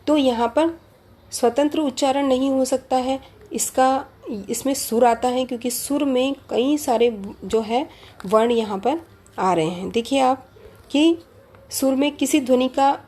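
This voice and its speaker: A woman's voice: high voice, a little slow, dark tone. A woman teaching a lecture on language, explaining step by step, repeating key terms and asking rhetorical questions. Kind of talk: lecture on Hindi phonology.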